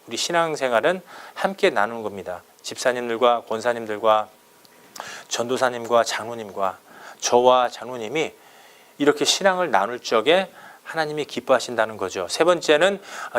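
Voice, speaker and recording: A man's voice: mid-range voice, a bit bright. A male pastor preaching a sermon to his congregation in a conversational way, often inserting "yes" fillers and asking the congregation rhetorical questions.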